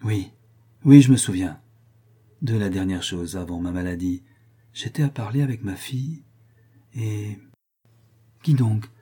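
A man reading a novel aloud and voicing a feverish, bewildered older father who speaks in broken, halting phrases. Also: lowish voice, dark tone, slightly rough. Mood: recollecting. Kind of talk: audiobook character voice.

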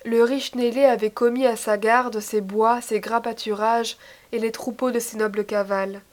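A woman reading a classical myth aloud in a measured, formal storytelling manner. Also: on the high side, fairly even intonation, a little mellow. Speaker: narrator. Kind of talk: scripted narration of a myth.

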